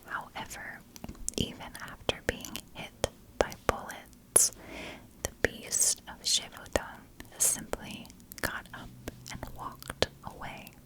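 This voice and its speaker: A woman who hosts an ASMR channel narrates a story in a soft, fully unvoiced whisper. She goes very slowly and deliberately, splitting the narration into short, measured phrases, and the recording quality is low.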